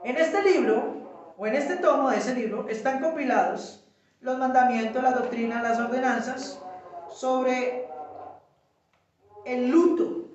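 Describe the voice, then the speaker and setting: A man teaching a small group in a relaxed way, explaining step by step and checking in with his listeners. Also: very high-pitched, measured pace, long pauses. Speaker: Bible study teacher. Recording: echoey room, mic far off.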